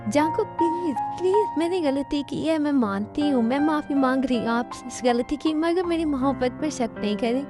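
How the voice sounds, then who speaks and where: A woman's voice: sits high, moderate pace, few pauses, lightly acted. A woman voicing a young pregnant lover who pleads and stammers through tears, in a fan dub. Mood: pleading. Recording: music in background.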